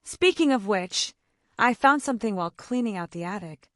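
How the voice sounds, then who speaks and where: A woman voicing a warm elderly grandfather, gently and tenderly, in a storybook reading. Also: medium pitch, lively intonation, moderate pace, no echo, clean studio sound, natural voice.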